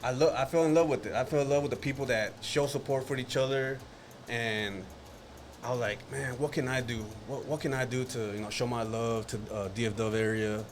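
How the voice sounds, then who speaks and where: A man from Dallas in his thirties co-hosting a casual sports podcast, joking and animated. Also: mid-range voice, a little fast, slight background noise. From Dallas, Texas. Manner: joking, animated, laughs easily. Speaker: podcast co-host.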